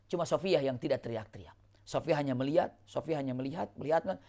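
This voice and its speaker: A woman's voice: very deep voice, quick pace. A woman, telling an Islamic religious story in a lecture and answering her own rhetorical questions. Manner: animated, asks rhetorical questions and answers them.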